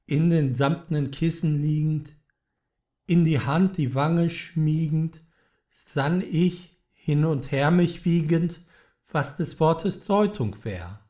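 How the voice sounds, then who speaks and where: Middle-aged male reader, dramatic poetry recitation, deliberate and slow, brooding with fervent outbursts. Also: fairly high pitch. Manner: solemn, brooding delivery rising to loud impassioned pleading.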